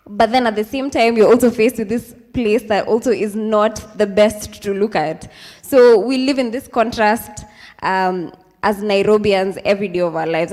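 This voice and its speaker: A young Kenyan woman in her twenties gives an informal talk with slides at a youth event, chatting casually with the live audience, dropping in Swahili phrases and plenty of ums. Her voice is medium-pitched and a little mellow. The hall has a long reverb.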